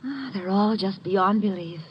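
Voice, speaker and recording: An actress with a natural, medium-pitched voice plays a coy, gushing young woman writer in the style of a 1950s radio drama. She's coquettish with hesitant pauses, heard on a dull vintage radio recording with slight background noise.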